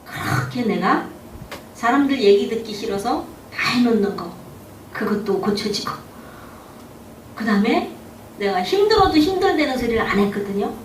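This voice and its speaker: A woman pastor delivers a testimony-style sermon, her voice sitting a little high for a woman. She draws her listeners in with rhetorical questions. The recording is distant and roomy, with a faint hiss in the background. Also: animated, moderate pace, pauses often. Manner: storytelling, asks rhetorical questions. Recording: echoey room, distant mic, faint background.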